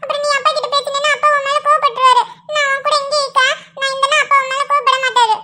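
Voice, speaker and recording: A woman's voice: very high voice, level tone, racing, sharp tone, heavily acted. A woman voicing a little boy who pleads for his mother in a cartoon. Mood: pleading. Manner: pleading, childlike. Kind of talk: cartoon voice acting.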